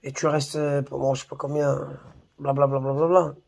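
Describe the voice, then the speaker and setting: A man with a high, gravelly voice tears into a rival in a slangy, mocking rant. He swears freely and talks straight to the camera in a casual vlog. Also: monotone, fairly quick, darkish tone. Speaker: YouTuber. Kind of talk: heated insulting rant to camera.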